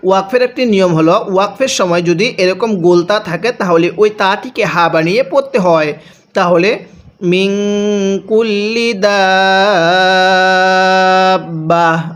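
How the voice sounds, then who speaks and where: A man with a Bangladeshi Bengali accent teaching a Quran reading lesson, patiently explaining each rule and then slowly reciting the words with drawn-out sounds. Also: high voice.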